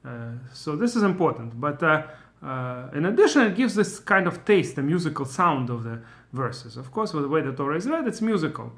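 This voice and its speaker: Giving an informal Torah lesson, a middle-aged teacher with a Russian accent thinks out loud, full of fillers and false starts. His voice is fairly high and fairly bright, with wide pitch swings and a brisk pace.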